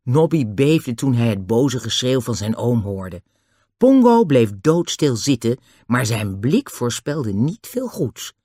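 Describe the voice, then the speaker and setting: Man, audiobook narrator, children's story, animated delivery, dry close sound. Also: mid-range voice, takes it slowly, no room sound. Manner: lively, expressive storytelling.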